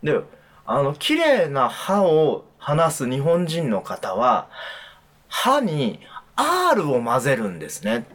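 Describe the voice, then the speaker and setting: A man's voice: on the high side, huge pitch swings, slow pace, a bit bright. A man talking casually as a guest about teaching pronunciation, hesitant with many fillers. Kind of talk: casual radio conversation.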